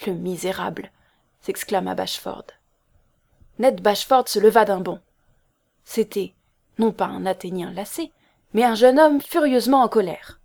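A woman narrating a novel as an audiobook in a measured storytelling manner. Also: mid-range voice, vocal fry, a little mellow.

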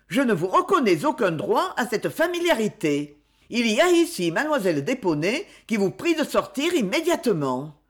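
A woman's voice: a little high, sing-song, normal speed, pitched above the performer's own voice. A woman reading an audiobook, voicing a proud young woman who answers with cold dignity. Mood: disdainful.

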